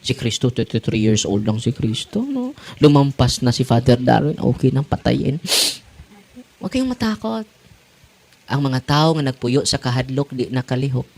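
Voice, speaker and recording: Animated priest in his forties. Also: mid-range voice, normal speed. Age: 40s. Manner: animated, laughing, switching languages. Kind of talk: sermon to parishioners.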